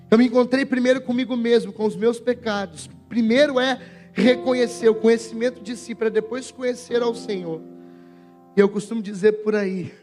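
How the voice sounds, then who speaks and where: Young Brazilian male preacher, high voice, testimony sermon over faint music. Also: darkish tone. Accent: Brazilian Portuguese. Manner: emotional storytelling, addressing the church directly.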